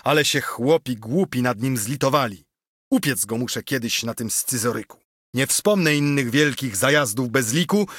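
Man doing a rousing old steward, husky, dry close sound, storybook poem. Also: mid-range voice, fairly bright tone, no echo. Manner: impassioned, rousing. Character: old embittered male steward, fiery orator. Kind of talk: audiobook reading of an epic poem.

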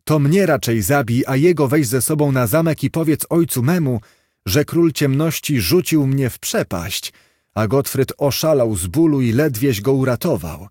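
A man's voice: mid-range voice, expressive, normal speed, a little mellow, husky, no echo, clean studio sound. A man reading a desperate young princess. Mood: defiant. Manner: pleading, defiant.

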